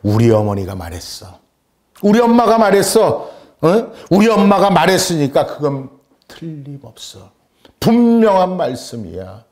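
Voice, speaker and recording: A man's voice: on the high side, huge pitch swings, a little slow, darkish tone, pitched above the performer's own voice. A male pastor voicing a young girl who insists firmly on her mother's word. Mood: insistent. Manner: firm, insistent. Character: earnest little girl sure of her faith.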